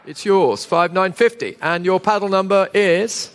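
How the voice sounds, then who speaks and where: High-pitched male auctioneer in a reverberant hall. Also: measured pace, a bit bright, slight background noise. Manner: repeats figures, coaxing bidders with polite patter. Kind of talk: live auctioneer calling bids. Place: large indoor auction saleroom.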